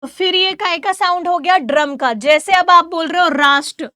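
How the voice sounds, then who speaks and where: A woman teacher giving an exam-prep grammar lesson. She asks questions and answers them herself, spells sounds out slowly for her students, and sets them homework. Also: very high voice, pushed and bright, dry recording, studio quality. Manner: addresses students as "beta", gives homework.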